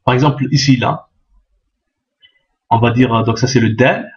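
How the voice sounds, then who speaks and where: A man's voice: mid-range voice, moderate pace. A man teaching an Arabic reading lesson, patient and repetitive, checking often that the learners follow. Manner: patient, repeats each point, checks with "d'accord?". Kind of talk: step-by-step language lesson. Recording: dull lo-fi sound.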